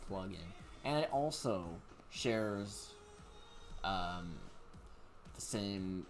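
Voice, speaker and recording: A young man rambling casually over gameplay, full of fillers and restarts. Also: lowish voice. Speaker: let's play commentator.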